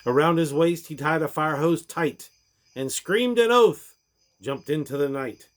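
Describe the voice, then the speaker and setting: A man with a fairly high-pitched voice reads a rhyming parody Christmas storybook aloud, taking his time. He reads theatrically and emphatically, letting each line swell and then fade at its end.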